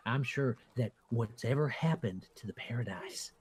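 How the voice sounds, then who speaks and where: A man voicing a folksy small-town schoolmarm who tells spooky rumors in a hushed, gossipy way. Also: medium pitch, moderate pace, natural voice. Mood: ominous, folksy.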